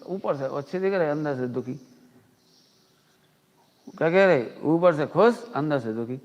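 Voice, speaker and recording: A male Jain preacher giving an informal spiritual discourse, asking rhetorical questions and mimicking his listeners. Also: a little high. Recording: dull audio with long hall reverb.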